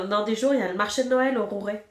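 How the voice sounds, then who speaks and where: Knitting at home while stuffy from a cold, a woman in her thirties hosts a podcast, chatting casually with self-mocking humor and trailing off to count stitches. Her mid-range voice is a bit bright, and the room sounds echoey.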